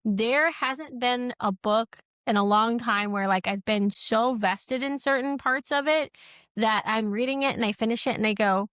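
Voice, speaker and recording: A woman chats effusively through a gushing book review. Her voice sits a little high and is recorded dry and close. She speaks emphatically, like a co-host among friends. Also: normal speed, a bit bright, smooth, no room sound. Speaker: book club podcast co-host.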